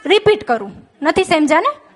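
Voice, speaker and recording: A woman with a Gujarati accent doing stand-up, telling jokes and stories and reciting verses slowly. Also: extremely high pitch, big pitch swings. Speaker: stand-up comedian.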